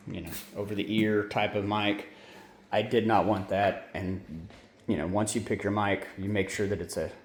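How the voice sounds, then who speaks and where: A man's voice: lowish voice, darkish tone. Rambling man in a roomy space. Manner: rambling, self-correcting, informal. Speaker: hobbyist maker explaining his gear. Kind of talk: casual how-to walkthrough. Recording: roomy sound with faint ambience.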